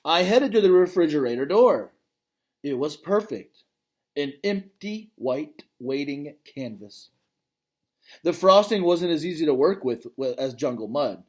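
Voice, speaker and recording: Voicing the gentle, thoughtful gorilla who narrates a children's novel, a man reads aloud in a calm, reflective, wistful way. He speaks at a measured pace, his pitch on the high side.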